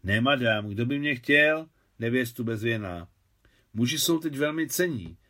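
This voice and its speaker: A man's voice: medium pitch, lively intonation, pushed and bright. A man voicing a shy young working-class woman who talks plainly and artlessly in an audiobook. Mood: somber.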